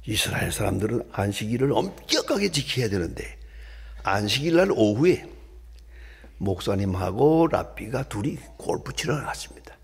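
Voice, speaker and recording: A male pastor delivers a sermon in a gravelly, husky voice. His pitch leaps about as he shifts from ringing exclamations to hushed, breathy whispers. The pitch sits a little high for a man. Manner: dramatic swings from loud exclamations to hushed whispers.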